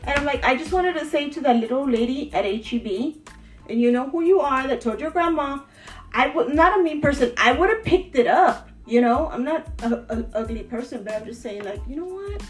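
Chatty high-voiced woman. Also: a little fast, soft background music. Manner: animated, rambling, laughs often. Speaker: podcast co-host. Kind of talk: casual chat, storytelling.

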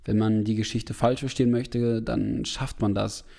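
Gravelly, low-voiced male storyteller. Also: level tone, moderate pace. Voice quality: gravelly, dark voice. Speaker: podcast host. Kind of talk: reading his own story, then casual chat.

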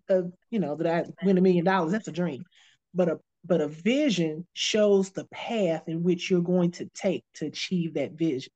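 In a laid-back podcast conversation, a woman in her fifties who works as a life coach speaks with earnest encouragement, repeating phrases to drive points home. Her voice is on the low side and warm, though the recording cuts off the highs.

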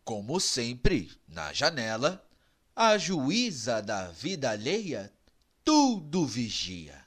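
Brief: male narrator, lilting and unhurried, ironic. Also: mid-range voice, huge pitch swings, fairly bright tone. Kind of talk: scripted narration.

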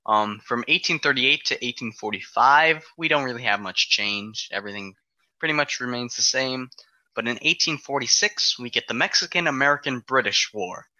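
Man presenter, very bright and forceful tone, dry close sound, laid-back explainer with ums. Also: mid-range voice, normal speed, no room sound, dull audio. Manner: walks through dates step by step, frequent ums. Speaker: presenter of an alternate history timeline. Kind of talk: casual explanatory podcast talk.

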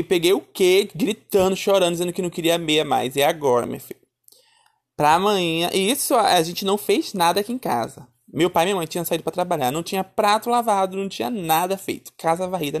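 A man telling a childhood story in a lively, chatty way, calling his listeners darling and my son. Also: sits high. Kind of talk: casual storytelling.

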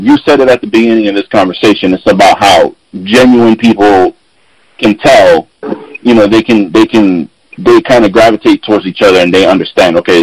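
A man's voice: lowish voice, no room sound, low-quality recording. A man hosting a podcast in casual chat, telling stories and acting out the people he quotes, swearing freely. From Puerto Rican and Dominican heritage. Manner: animated storyteller, acts out quotes, swears freely. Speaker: podcast host. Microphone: remote call.

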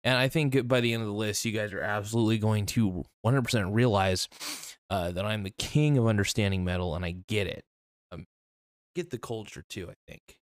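A man's voice: fairly low pitch, a little fast, dry recording, studio quality. A man hosting a podcast, talking in a sarcastic, mock-boastful monologue that rambles with hesitant fillers, sitting at a computer. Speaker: podcast host. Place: at a computer, screen-sharing.

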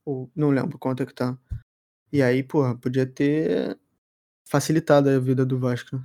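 A man's voice: mid-range voice, level tone, normal speed, dark tone. A Brazilian man co-hosting a casual sports podcast, offhand and blunt with slang. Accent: Brazilian Portuguese. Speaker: podcast co-host.

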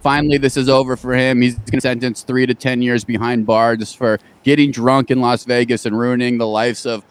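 A man's voice: medium pitch, little pitch movement, normal speed, few pauses, clean tone. A man hosting a podcast in casual chat, blunt and swearing as he moves between segments. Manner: blunt, swearing, steers the talk. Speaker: podcast host.

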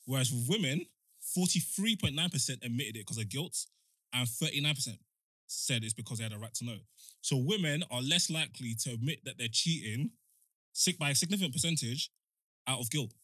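Husky, forceful young London man. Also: on the high side, expressive, fairly quick, no echo. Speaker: podcast co-host. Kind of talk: casual chat, reading out statistics.

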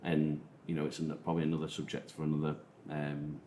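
A man with a Manchester accent talking casually as a podcast host, often halting and rephrasing. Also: very deep voice, completely flat delivery, warm tone. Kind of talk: casual discussion of digital marketing. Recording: roomy echo, faint noise.

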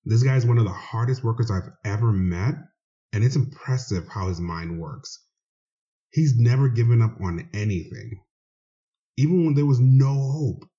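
A man's voice: medium pitch, lively intonation, normal speed, warm tone. A man hosting a show, introducing a guest in an earnest, conversational way. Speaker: host. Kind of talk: casual spoken introduction. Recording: dull lo-fi recording.

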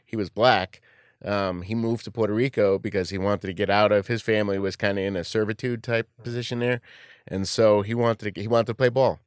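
Low, clear man. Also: fairly even intonation, a little fast, no room sound. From Queens, New York. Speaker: interview guest, club communications executive. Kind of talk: casual conversational reminiscence.

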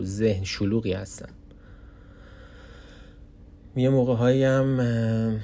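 A tired young man speaks off the cuff in his own podcast, pausing often and searching for words. His voice is low, dark and gravelly. A faint rumble of noise sits under the recording. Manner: hesitant, many pauses and fillers. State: tired from lack of sleep. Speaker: podcast host. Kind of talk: unscripted personal podcast monologue. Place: small office, alone.

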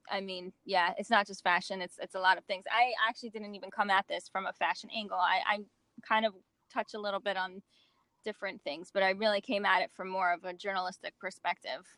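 A woman's voice: mid-range voice, little pitch movement, a little fast, bright, forceful tone, dry recording. An American-raised woman talking as a guest in a casual interview. She hesitates and restarts often, filling gaps with fillers. Her voice is recorded close and dry, with no room sound. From United States. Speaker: magazine founder, interview guest.

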